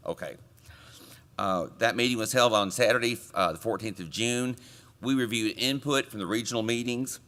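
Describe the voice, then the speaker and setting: A man chairing a committee, delivering a conference report from a podium microphone with relaxed joking asides to the audience. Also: lowish voice. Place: conference meeting room.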